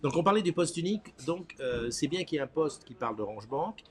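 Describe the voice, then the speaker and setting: A man's voice: a little high, lively intonation, brisk. A man hosting a live morning chat in an informal, teasing way, often repeating himself. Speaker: live morning show host.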